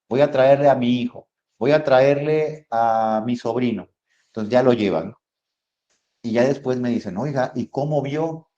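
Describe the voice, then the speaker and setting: Man, Mexican accent, psychologist, motivational lecture, conversational, mellow tone, muffled lo-fi audio. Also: medium pitch. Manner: conversational, asks rhetorical questions, addresses audience as friends. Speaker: psychologist giving a motivational talk.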